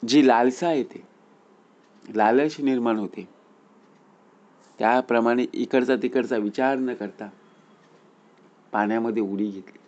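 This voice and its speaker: A man narrates a moral tale in a mid-pitched, earnest voice. He lifts his pitch and volume when the story turns tense, then settles back. The recording is a little dull and lo-fi. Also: unhurried, long pauses, darkish tone.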